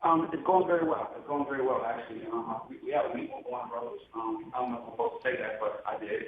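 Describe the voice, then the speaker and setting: A man's voice: mid-range voice, rapid-fire, very echoey, recorded from a distance, a little hiss or hum. Man sounding muffled, like inside a fishbowl. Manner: calm, steady talk with frequent "um" fillers. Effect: muffled, boxy sound like talking inside a fishbowl. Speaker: guest calling in remotely. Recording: narrow tinny phone-like line.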